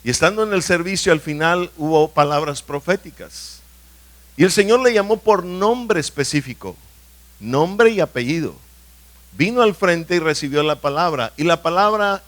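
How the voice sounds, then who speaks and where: A man's voice: fairly high pitch, a bit bright. Emphatic preacher man. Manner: emphatic, asks the congregation questions often. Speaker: pastor. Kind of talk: sermon. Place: church hall.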